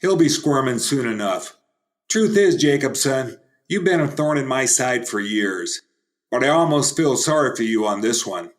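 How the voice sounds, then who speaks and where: A man's voice: mid-range voice, animated, normal speed, natural voice. A man playing a smug, slimy, blustery senator who taunts and sneers in an old-time radio play. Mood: gloating.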